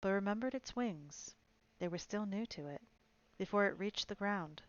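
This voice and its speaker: A woman's voice: medium pitch, lively intonation, moderate pace, lo-fi sound. Woman reading a storybook aloud. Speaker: storyteller streamer. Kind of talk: reading a novel aloud on a live stream.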